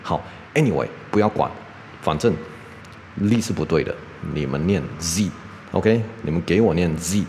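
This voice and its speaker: Very deep-voiced man teaching pronunciation. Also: animated, a little mellow. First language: English. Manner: ends nearly every sentence with a checking "OK?"; drills sounds slowly and repeats them. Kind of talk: casual spoken lesson. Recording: echoey room with faint background noise.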